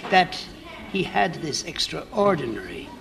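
A man's voice: fairly high pitch, very animated, measured pace, creaky, noisy background. A man working as an interviewer and presenter in a literary interview, posing questions and linking remarks.

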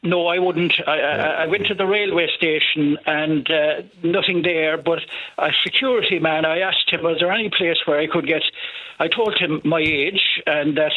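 An older Irish man in his seventies, heard over the phone on a thin, tinny line. His voice sits high for a man and is husky. He speaks haltingly, stumbling over the first words of his sentences. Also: fairly even intonation. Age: 70s. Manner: halting, repeats words when starting a sentence. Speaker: caller. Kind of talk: casual phone-in chat. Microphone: telephone.

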